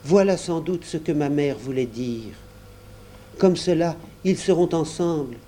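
A man's voice: on the high side, animated, measured pace, dark tone, slight background noise. A man voicing a faint, sad little girl. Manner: faint, fading to a murmur. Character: little dark-haired girl, fragile and sad.

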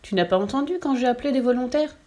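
A woman voicing a small boy god who talks in a brisk, offhand way. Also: high-pitched, mellow, pitched above the performer's own voice. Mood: matter-of-fact. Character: small boy god, childish and matter-of-fact.

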